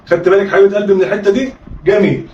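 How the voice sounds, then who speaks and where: An Egyptian man with a high voice teaches a children's reading lesson, sounding out syllables and nudging his pupils along with quick prompts. He sounds a little distant in a roomy space, and the audio is slightly dull. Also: steady tone, slight background noise. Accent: Egyptian Arabic. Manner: coaxing, call-and-response drilling with frequent "ha?" prompts.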